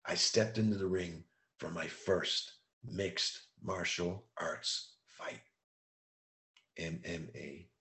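A man giving an emphatic motivational monologue, repeating key phrases and slowing down to stress them. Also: sits low, pushed and bright, roomy sound. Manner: slows down for emphasis. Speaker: motivational speaker.

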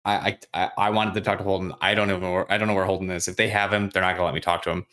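A man with a fairly low voice recaps a novel in a relaxed podcast chat. He slips into quick, casual impressions of the characters and swears freely as he goes. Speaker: podcast host recapping a book.

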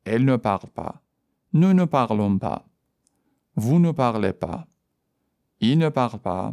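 Low, mellow-voiced man teaching French. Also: no room sound, clean studio sound. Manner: explains in Persian, then repeats French forms slowly and clearly. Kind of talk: podcast language lesson.

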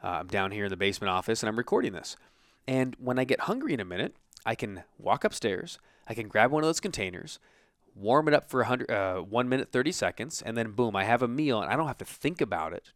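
American man, mid-pitched voice, dry close sound, casual coaching talk, emphatic asides, acted-out self-talk. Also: big pitch swings, brisk, no echo. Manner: conversational, acts out imagined self-talk. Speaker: self-help coach and show host. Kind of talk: informal motivational talk. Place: basement home office.

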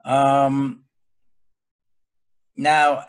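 Middle-aged man on a video call, deliberate and earnest, speaks in halting phrases at an ordinary pitch. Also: monotone, clear, resonant tone. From Israel. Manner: deliberate, earnest, with frequent pauses and restarts. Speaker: panelist. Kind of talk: personal account in a webinar discussion.

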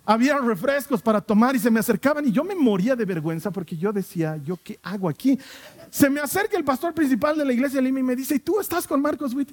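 A man, a pastor telling a personal story in a sermon and acting out the people in it. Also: very high voice. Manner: animated storyteller acting out quoted voices.

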